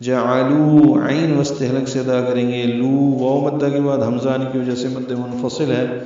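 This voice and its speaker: A man teaching Quran recitation rules in a tajweed lesson, slowly and deliberately spelling out letter sounds. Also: medium pitch, little pitch movement, dark tone. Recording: very echoey, distant, dull lo-fi.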